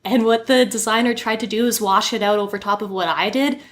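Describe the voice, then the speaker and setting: A woman hosting a podcast and telling stories in casual chat, animated and quick to laugh. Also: mid-range voice. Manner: animated storyteller, laughs often. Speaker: podcast host and model.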